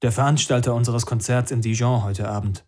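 A man's voice: medium pitch, steady tone, fairly quick, darkish tone, close to an everyday voice. Band leader, male reader voicing, young, defiant, clipped delivery. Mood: terse. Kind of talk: audiobook character voice.

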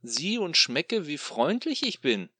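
A man's voice: on the high side, big pitch swings, pushed and bright, voice pushed up, exaggerated voice. A man voicing a mocking, sadistic machine demon. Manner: taunting, sing-song, drawn-out.

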